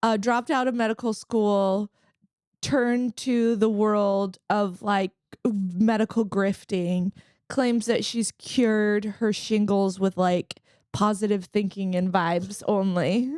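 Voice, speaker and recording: A woman's voice: mid-range voice, fairly even intonation, slow pace, a little mellow, smooth, no room sound, studio quality. A woman co-hosting a comedy podcast, telling rambling sarcastic stories full of fillers. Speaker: podcast co-host. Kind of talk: casual comedic chat.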